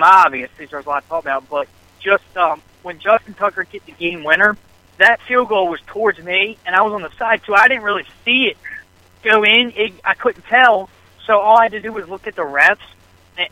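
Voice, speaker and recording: Excitable high-voiced man telling a sports story. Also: fairly quick, dry recording, poor audio. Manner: animated storyteller, rambling with restarts. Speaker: podcast co-host. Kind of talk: excited casual sports chat.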